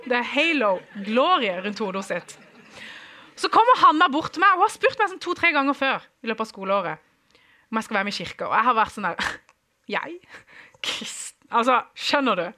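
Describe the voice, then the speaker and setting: A young man giving a humorous personal testimony to an audience, acting out dialogue and chuckling often. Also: very high voice. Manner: animated, acts out quoted dialogue, chuckles often.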